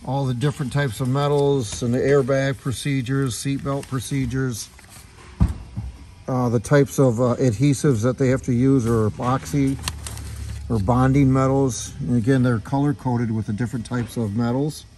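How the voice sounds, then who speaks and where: A man's voice: medium pitch, fairly even intonation, normal speed, mellow, slight background noise. A man giving a casual walkthrough of his auto body shop, chatty, with lots of fillers, filmed on a handheld phone. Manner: chatty, filler-heavy explaining. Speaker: shop owner giving a tour. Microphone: handheld phone camera.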